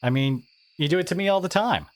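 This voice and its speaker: In an intimate audio roleplay, a man plays a teenage school bully who is secretly wounded and caring. He speaks in a halting, confiding, sardonic way, his high voice animated, and the mood is earnest and reassuring.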